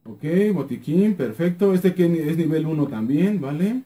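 A young man with a Mexican accent talks through his gameplay in an excitable, lively voice that leaps up and drops low. He swears freely and keeps muttering the same words under his breath. His tone is mellow and dark. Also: moderate pace. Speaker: gaming YouTuber. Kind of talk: live gameplay commentary.

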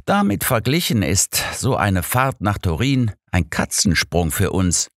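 A smug, lecturing old detective holds forth in a low, lively voice, as a man reads him aloud. His tone stays superior and a little needling. The audiobook recording is dry and close. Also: a little slow, dry recording. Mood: coaxing. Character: sharp, know-it-all older male detective.

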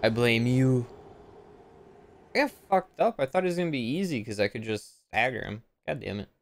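A man's voice: medium pitch, animated, brisk. A man giving casual gameplay commentary as a streamer, often frustrated, swearing and poking fun at himself. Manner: frustrated, swearing, self-mocking. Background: game music.

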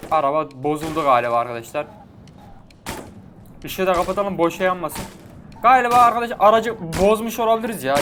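Excitable high-voiced man narrating a game. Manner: excitable, chatty, slangy, talks to viewers. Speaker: gaming YouTuber. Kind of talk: casual let's-play commentary. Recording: game audio and vehicle noise behind.

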